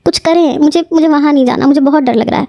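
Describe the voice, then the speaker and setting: A woman's voice: a little high, warm tone, no echo, clean studio sound, lightly acted. A woman voicing a tearful pleading young student.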